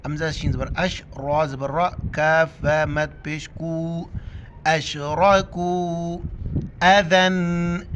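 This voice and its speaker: A man teaching Quran recitation in Urdu-accented speech, spelling out letters and vowel marks, then reciting each word slowly and drawn out. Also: a little high, flat delivery, a little hiss or hum.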